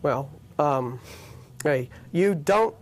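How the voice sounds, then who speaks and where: A man's voice: on the high side, animated, very slow, a little hiss or hum. An American man hosting a call-in show, reasoning and questioning insistently in unscripted debate. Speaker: host of an atheist call-in show.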